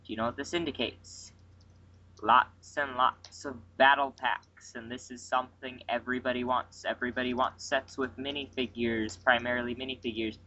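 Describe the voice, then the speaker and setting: Bright-voiced excitable male podcast host. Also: mid-range voice. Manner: excitable, quick to interrupt and correct. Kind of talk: casual chat about toy sets. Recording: dull lo-fi podcast recording.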